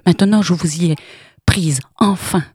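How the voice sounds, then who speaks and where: A woman voicing a coarse, jealous young woman who shouts with harsh, sneering contempt in an audiobook reading. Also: on the low side, normal speed, slightly rough, dry recording, clean studio sound. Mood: furious.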